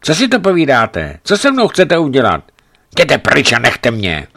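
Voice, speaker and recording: A man reading the part of a feverish, delirious young woman who shouts in confusion. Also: huge pitch swings, dry recording, clean studio sound, heavily acted. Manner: shrill, confused outcries.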